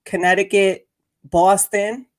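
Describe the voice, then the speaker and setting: Upbeat, chatty woman host of a casual podcast, mid-pitched voice. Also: fairly even intonation, takes it slowly. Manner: upbeat, chatty, laughs easily. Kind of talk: casual interview chat.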